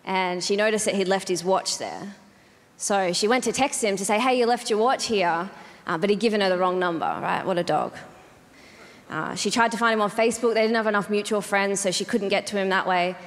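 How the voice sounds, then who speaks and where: A woman's voice: medium pitch, brisk. A woman doing live stand-up comedy in a reverberant venue, telling stories in a casual, sweary, conversational way and acting out bits of dialogue. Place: comedy venue in front of an audience.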